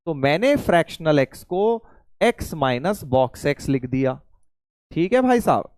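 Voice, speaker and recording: A man teaching maths in a live online class. He teases his students in a playful way and slows right down to spell out each step. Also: a little high, big pitch swings, darkish tone, no echo, clean studio sound. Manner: playful, teasing, calls students "beta".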